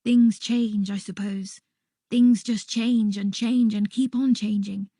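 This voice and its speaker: A woman reading a first-person children's story aloud in a soft, unhurried voice that sometimes drops to a whisper. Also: medium pitch, fairly even intonation, no room sound, clean studio sound. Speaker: audiobook reader.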